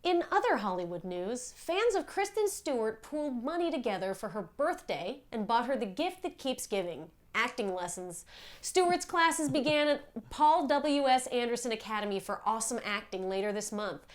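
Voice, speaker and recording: A woman playing a mock TV news anchor, reading a spoof entertainment story in a crisp newsreader delivery. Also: fairly high pitch, very animated, moderate pace. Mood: deadpan.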